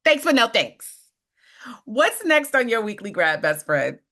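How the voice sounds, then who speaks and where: A young adult woman co-hosting a podcast in casual chat, animated and emphatic with playful asides. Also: mid-range voice, measured pace. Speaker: podcast co-host.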